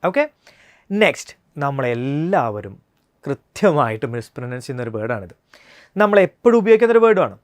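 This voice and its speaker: A Malayalam-speaking English teacher with a Malayali accent, giving a pronunciation lesson and drawing out the model words slowly and carefully. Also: medium pitch, big pitch swings, no room sound. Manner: explains mouth and lip positions while demonstrating.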